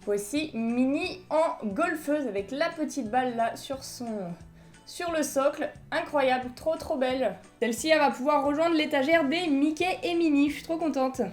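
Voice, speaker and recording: A woman's voice: high-pitched, normal speed, a little mellow, soft background music. A young French woman chatting enthusiastically as she unboxes collectible figurines in a casual vlog. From France.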